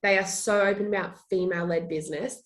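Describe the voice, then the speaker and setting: A woman's voice: medium pitch, steady tone, fast. A young woman from Australia, a social media manager, chatting in a casual interview and laughing often.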